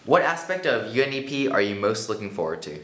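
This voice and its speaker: Bright-voiced male interviewer, echoey room. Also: lowish voice, sing-song, fast, a little hiss or hum. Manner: brief, direct questions. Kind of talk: interview questions.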